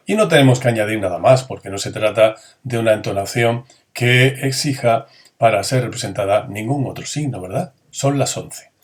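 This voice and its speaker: A man teaching a grammar lesson. He asks his students questions, answers them himself, and acts out the intonation of each example sentence. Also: lowish voice.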